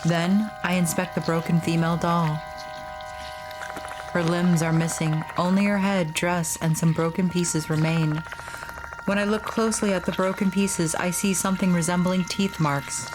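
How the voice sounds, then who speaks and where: A woman's voice: on the low side, fairly even intonation, normal speed, low-quality recording. A woman hosting a horror game playthrough, switching between casual commentary and reading the story text aloud. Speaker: gaming video host. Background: music.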